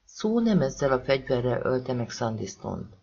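A woman reading a novel aloud as an audiobook narrator, raising her pitch to voice the characters. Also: big pitch swings, vocal fry, dark tone, lo-fi sound. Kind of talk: scripted narration.

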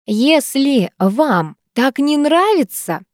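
A woman voicing a cheeky teenage schoolboy who declaims loudly and theatrically, playing the class clown. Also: high-pitched, big pitch swings, takes it slowly, dry recording, clean studio sound, pitched above the performer's own voice, exaggerated voice.

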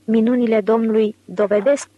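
A woman's voice: fairly high pitch, fairly even intonation, dry recording, highs cut off, close to an everyday voice. A woman reading the part of an indignant, resentful male priest in an audiobook, with a stern manner.

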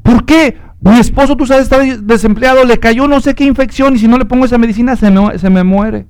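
A man voicing a desperate woman begging her brother for money, high and rushed. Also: darkish tone, clean tone, no echo. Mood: pleading. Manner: frantic, pleading, rushed. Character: desperate pleading sister of middle age.

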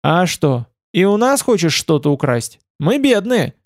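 A man voicing a sharp-tongued, suspicious woman police officer who talks in curt, snappish bursts in an audiobook. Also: a little high, very animated, a little slow, no room sound, clean studio sound, pitched above the performer's own voice. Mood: wary.

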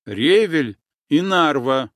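A man reading an audiobook, voicing a determined young girl messenger in a higher, urgent, commanding tone. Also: animated, unhurried, dry recording, studio quality, lightly acted.

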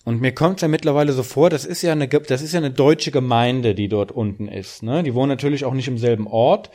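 A man's voice: medium pitch, brisk, darkish tone. A man co-hosting a casual podcast chat, rambling and sarcastic, often tagging his points with a questioning aside. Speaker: podcast co-host.

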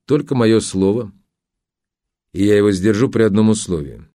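A man's voice: lowish voice, normal speed, warm tone, no echo, studio quality, natural voice. A man playing a blunt, pressing journalist. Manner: pressing, contemptuous and firm. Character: determined young male journalist, blunt and accusing. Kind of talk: audiobook character voice.

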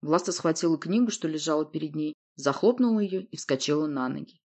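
A woman narrating a fantasy audiobook in the first person with expressive storytelling. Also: low voice, fairly quick.

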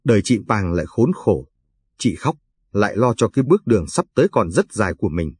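Husky low-voiced male storyteller. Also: big pitch swings, brisk, darkish tone. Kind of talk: scripted storybook narration.

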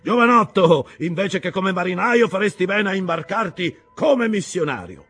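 A man voicing a gruff old whaling captain with a harsh, loud, shouting manner. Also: lively intonation, moderate pace, heavily acted. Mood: booming. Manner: booming, exclamatory.

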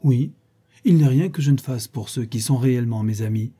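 Brief: a man doing a flighty, effusive young lady in a storybook, raised pitch, dark husky tone. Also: brisk, close to an everyday voice. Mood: gushing. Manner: effusive, exaggerated, gossipy. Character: gushing, flattering young woman friend. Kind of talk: audiobook reading.

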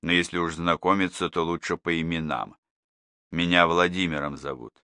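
A man doing a quiet, reserved male doctor. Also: sits low, fairly even intonation, normal speed, no echo. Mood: restrained. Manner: quiet, restrained, dry. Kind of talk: audiobook character voice.

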